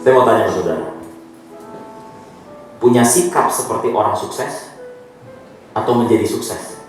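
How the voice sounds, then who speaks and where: A man's voice: lowish voice, normal speed, heavy reverb, recorded from a distance, faint music behind, rough recording. A male pastor from Indonesia preaching a sermon, asking the congregation questions and joking. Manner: lively preaching, asks the congregation questions, jokes. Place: church hall.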